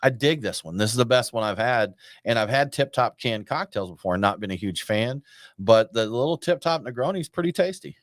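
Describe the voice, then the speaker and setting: A man's voice: mid-range voice, expressive, fairly quick, dry recording. A man from Georgia co-hosting a casual podcast chat, telling stories and teasing his co-host. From Georgia, USA. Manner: chatty storyteller, teasing.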